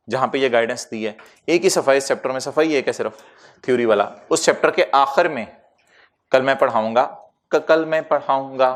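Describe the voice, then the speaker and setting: A man lecturing a tax class, with lively asides and English terms mixed into his explanations. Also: mid-range voice.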